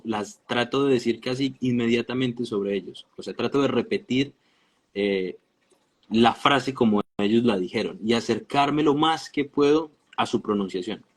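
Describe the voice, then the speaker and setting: A man from Colombia, a music teacher, calmly explaining things as the guest of a casual live-stream interview over a video call. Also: mid-range voice. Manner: calm and explanatory, restarts words.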